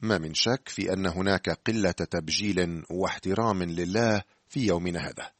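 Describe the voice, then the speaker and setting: Deep-voiced man teaching scripture. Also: no room sound. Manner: measured, earnest address to the listener. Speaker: Bible teacher. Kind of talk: scripted radio Bible teaching.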